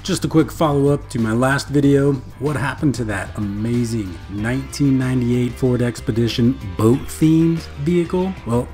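A man's voice: mid-range voice, darkish tone. Chatty male car vlogger over faint guitar. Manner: upbeat, chatty, reads listing text aloud. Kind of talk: casual screen-recording commentary.

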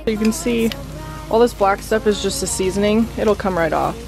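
A young woman talking casually while she cooks, full of ums and likes and laughing at herself. She speaks at a middle pitch, close to a handheld camera in a home kitchen. Background music plays clearly beneath her voice. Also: normal speed, rough recording. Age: young adult. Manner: chatty and self-deprecating, lots of ums and likes. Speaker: cooking vlogger. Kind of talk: casual cooking how-to. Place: home kitchen and backyard grill.

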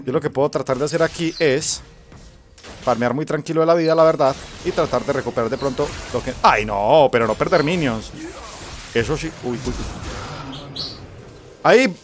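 A Colombian man narrating his own match in a loose, cursing, chatty way, muttering at the enemy and at himself. His voice sits a little high for a man. Soft music plays faintly underneath. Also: a little fast. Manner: casual, profane, talks to himself and his opponent. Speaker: gamer. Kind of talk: gameplay commentary.

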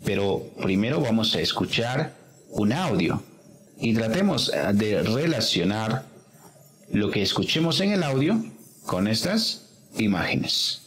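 A man's voice: fairly low pitch, very animated, measured pace, fairly bright tone, low-quality recording. A man teaching an English pronunciation lesson, explaining patiently step by step.

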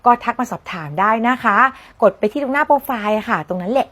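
A woman from southern Thailand giving a casual online English lesson, chatty and playful, repeating each word slowly for students to practice. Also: on the high side, lively intonation, a bit bright. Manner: playful, teasing asides. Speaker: English teacher.

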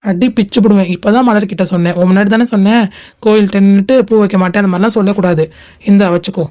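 A woman's voice: medium pitch, fairly even intonation, racing, close to an everyday voice. A woman doing a doting, bossy big brother. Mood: teasing. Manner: warm, teasing, bossy. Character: affectionate protective older brother.

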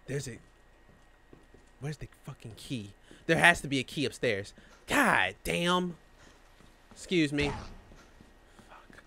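A young man giving profane, excitable let's-play commentary while talking back to the game's characters. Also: a little high, slight background noise. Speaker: gamer playing a horror game.

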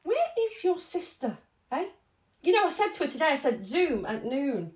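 A woman's voice: high voice, sing-song, moderate pace, roomy sound. A middle-aged woman playing a chatty, doting mother in a comedy short, speaking over a video call. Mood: fussing. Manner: chatty, fussing, homely. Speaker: mother of the bride. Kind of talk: comedy short film acting.

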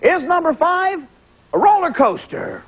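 A man hosting a TV game show, lively and joking with the contestants, heard on an old VHS tape recording. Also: extremely high pitch, measured pace, muffled recording, heavy background noise. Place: TV studio with audience.

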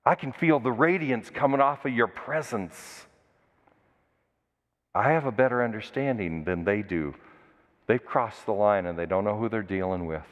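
A man's voice: on the low side, moderate pace, pitched below the performer's own voice, close to an everyday voice. A pastor voicing Moses as an earnest, humble prophet pleading with God for his people. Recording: dull recording with long church reverb.

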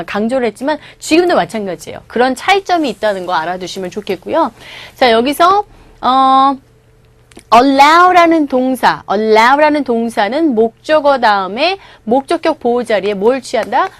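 A woman's voice: on the high side, lively intonation, normal speed, no echo. A middle-aged Korean woman giving an online English lecture, explaining film lines and having listeners repeat pronunciation. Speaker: English teacher.

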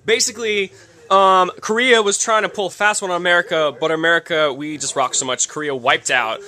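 A young adult vlogger narrates brightly and forcefully, his high voice brisk and fairly even in intonation. Camera at arm's length, he chats and jokes while touring a basement and heading out into a snowy night street.

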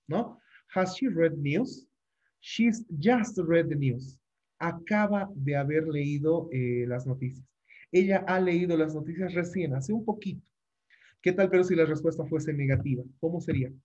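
A man's voice: fairly high pitch, lively intonation, measured pace, darkish tone, breathy edge. Patient male teacher, muffled call. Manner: patient, repeats phrases and keeps checking with "¿no?". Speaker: English teacher. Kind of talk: online class taught in Spanish.

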